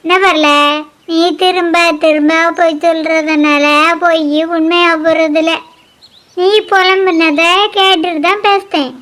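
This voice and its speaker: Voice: very high voice, fairly even intonation, measured pace, a bit bright. Someone voicing a bossy nosy village granny. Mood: scolding. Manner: scolding, prying, lecturing. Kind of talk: cartoon voice acting.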